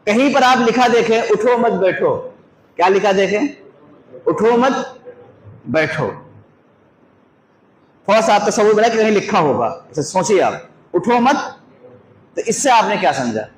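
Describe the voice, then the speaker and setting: A man's voice: high-pitched, expressive, moderate pace. A man, an Islamic scholar, giving a religious lesson, asking his listeners questions and walking them through examples. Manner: questions the audience and gives worked examples. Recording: echoey room with faint noise.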